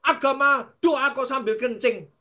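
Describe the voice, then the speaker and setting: A man's voice: very high-pitched, steady tone, measured pace, sharp tone, pitched above the performer's own voice, heavily acted. A man voicing an angry older landowner who scolds a stranger for trespassing on his field. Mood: indignant. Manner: indignant, scolding.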